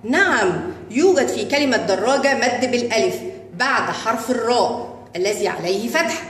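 Brief: female kindergarten Arabic teacher, fairly high voice, stretches out syllables, strong room echo with long reverb. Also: lively intonation, a bit bright. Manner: slow, drawn-out sounding of syllables; addresses children directly as friends. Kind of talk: children's phonics lesson.

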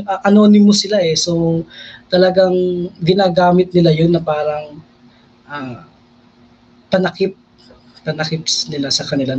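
A man's voice: high-pitched, highs cut off, a little hiss or hum. A young man, a priest, talking earnestly in an interview and mixing Tagalog with English. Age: young adult. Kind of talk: conversational interview.

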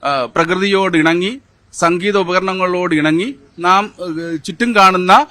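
Hesitant fifty-something man, bright dry voice. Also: sits high, no echo. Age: 50s. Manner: hesitant, many fillers, measured. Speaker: former mimicry champion, interviewee. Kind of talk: interview answers with poem recitation.

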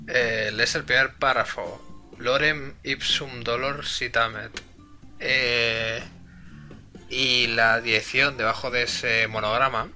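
Slow, bright-voiced male streamer. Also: medium pitch, steady tone, faint music behind. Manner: hesitant, many fillers. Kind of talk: live-stream translation and chat.

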